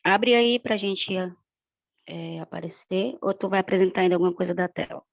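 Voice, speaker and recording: A woman's voice: on the low side, moderate pace, gravelly, dull audio. A Brazilian woman on a live stream, speaking affectionately and admiringly to a fellow activist. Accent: Brazilian Portuguese. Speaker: activist co-presenter.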